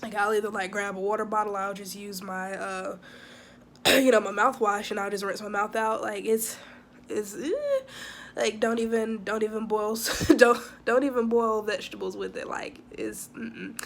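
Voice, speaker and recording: A young woman chatting casually to camera in a vlog, talking quickly with lots of fillers and asides. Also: mid-range voice, level tone, a little hiss or hum. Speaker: vlogger living abroad.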